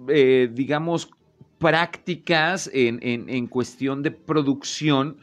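A man hosts a relaxed talk show. His voice sits at an ordinary middle pitch. He speaks in an animated way and acts out the lines he quotes. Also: slow pace. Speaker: host. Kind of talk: casual talk show chat.

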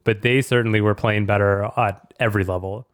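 A man's voice: on the low side, steady tone, a little fast, no echo, clean studio sound. A man hosting a podcast in a casual, fluent, talkative way. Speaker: podcast host.

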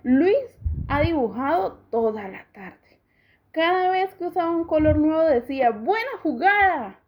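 A woman reading a children's story aloud, slowly and expressively. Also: high-pitched, lively intonation. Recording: dull lo-fi recording.

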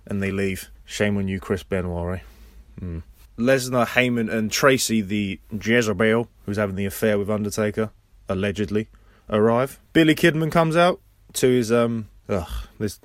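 A man's voice: fairly low pitch, no room sound, studio quality. A man hosting a podcast, casually recapping a wrestling episode play by play with rambling personal asides. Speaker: podcast host.

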